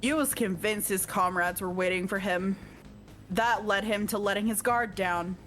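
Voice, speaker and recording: A woman with an ordinary mid-range voice reads a visual novel's narration aloud for a stream. She keeps the text steady, then drops into loose, joking asides and laughs. Faint game music plays under her. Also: medium pitch, normal speed. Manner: reads text evenly, breaks off to joke and laugh. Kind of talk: let's-play narration with casual asides.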